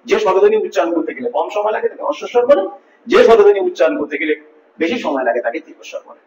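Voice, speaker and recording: A man's voice: high-pitched, big pitch swings, very fast, darkish tone. A male teacher giving a grammar lesson, patiently repeating each point and asking his students questions. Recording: echoey room, distant mic, dull lo-fi.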